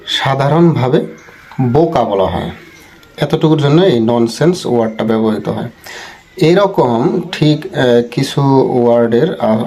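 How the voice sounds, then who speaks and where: A man's voice: medium pitch, a little mellow, rough recording. A man teaching a spoken English lesson, patiently explaining and repeating each word and checking that the listener follows.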